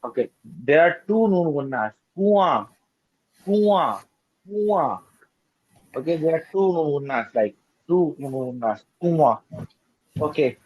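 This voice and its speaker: A man's voice: fairly high pitch, animated, moderate pace, darkish tone, slightly rough, no echo. A man teaching a children's language lesson, patiently repeating words and correcting pronunciation. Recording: dull lo-fi dry recording.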